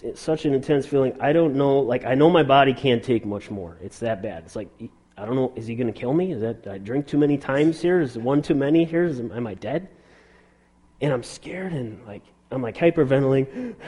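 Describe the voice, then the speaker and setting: A middle-aged man shares a personal testimony with a warm, mellow tone at an ordinary pitch. He talks earnestly and haltingly, restarting sentences and leaning on fillers as he goes. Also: breathy edge. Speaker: speaker sharing a conversion testimony.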